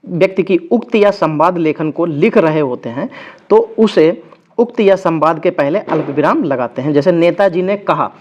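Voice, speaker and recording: High-voiced exam-prep teacher, dull sound. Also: male voice, normal speed, a little mellow. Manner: conversational, asks questions then answers them himself; reads example sentences aloud and corrects typos as he goes. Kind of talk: online exam-coaching class.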